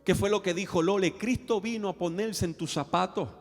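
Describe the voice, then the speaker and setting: A man's voice: sits high, a little fast. A man preaching a sermon as pastor, telling stories and questioning the congregation. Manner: animated storytelling, questioning the congregation. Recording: reverberant hall with faint music.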